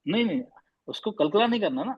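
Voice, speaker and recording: A man teaching Quran recitation in an online class, patiently correcting students and slowly demonstrating sounds. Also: high-pitched, expressive, breathy edge, highs cut off. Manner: patient, slow demonstrating drills.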